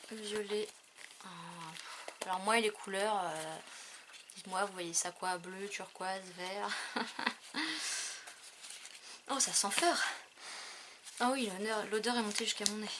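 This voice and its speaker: A woman, a craft haul vlogger, chats casually while showing off her craft purchases, sounding hesitant, using many fillers, and trailing off. Her mid-range voice is steady and measured, with long pauses and background noise.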